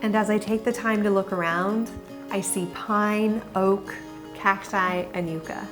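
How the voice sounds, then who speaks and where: A woman's voice: medium pitch, steady tone, a little slow, over music. A woman co-hosting a hiking vlog, talking casually and eagerly explaining what she sees. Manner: chatty and curious, explains things eagerly. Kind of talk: casual travel narration.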